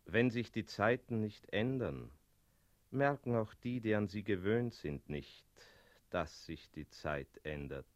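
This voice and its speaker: An actor voicing a calm, philosophical male cat in a radio play, speaking in a slow, musing way. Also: on the low side, no room sound.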